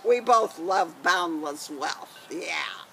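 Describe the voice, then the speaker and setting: A grandmotherly storyteller speaking to children from her garden, in a gentle, chatty way. Her voice is bright and sharp, her pace relaxed and slow, with a faint outdoor hiss in the background. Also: mid-range voice. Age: older.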